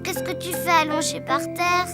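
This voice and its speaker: A woman's voice: very high voice, fairly even intonation, moderate pace. Peppa, a giggly little girl piglet. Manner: giggly, bossy, sing-song child voice. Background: children's cartoon music.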